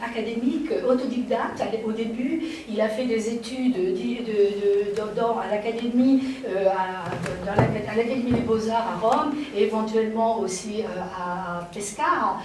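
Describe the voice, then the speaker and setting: A woman's voice: on the high side, normal speed, few pauses, a little mellow, recorded from a distance, a little hiss or hum. Art historian woman in a very echoey room. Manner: digressive, searching for words. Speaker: guest lecturer, art historian. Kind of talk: slide-show art lecture. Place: lecture room.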